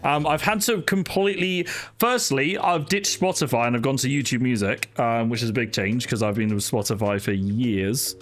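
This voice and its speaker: Streaming sim racing from home with music in the background, this young man, not from Wales, talks casually with his viewers, greeting them by name amid lots of fillers. His voice is mid-range at a moderate pace.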